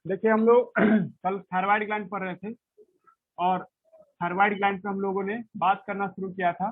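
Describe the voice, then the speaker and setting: A man's voice: high-pitched, flat delivery, normal speed, dry recording. A male biology teacher giving a classroom lecture, explaining step by step and answering his own questions. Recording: dry, tinny phone-like sound.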